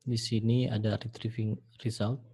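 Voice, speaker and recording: A man teaching programming in a screen-recorded tutorial, talking the viewer through each step in a relaxed way with frequent fillers. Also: on the low side, normal speed, breathy edge. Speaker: programming instructor.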